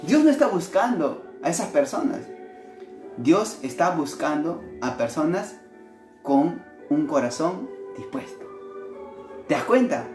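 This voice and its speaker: A male missionary preacher delivering a devotional sermon in an animated way, often asking his listeners rhetorical questions. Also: a little high, measured pace. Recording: echoey room with faint music.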